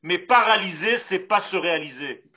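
An Israeli rabbi, a native Hebrew speaker with an Israeli accent, gives a Torah lesson in French, animated and full of rhetorical questions. He speaks at a moderate pace in a high, husky voice.

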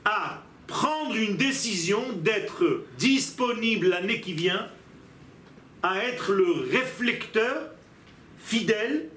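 A man's voice: high voice, animated, takes it slowly, fairly bright tone, slight background noise. A man teaching a religious lesson as a rabbi, emphatic and posing rhetorical questions to his listeners. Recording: echoey room.

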